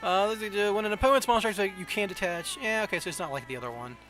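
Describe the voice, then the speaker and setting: Playing a card game on a casual livestream, a streamer from the southern United States talks through his choices in a Southern accent, doubting himself aloud. He talks fast in a high, somewhat bright voice over soft background music, and the audio quality is poor.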